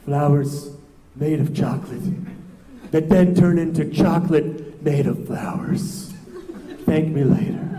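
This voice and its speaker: Man playing a slow, deadpan best-friend sidekick. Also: fairly high pitch, close to an everyday voice. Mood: deadpan advice. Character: slow, earnest best friend, love-shy male sidekick. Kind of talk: improv comedy sketch. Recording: echoey hall.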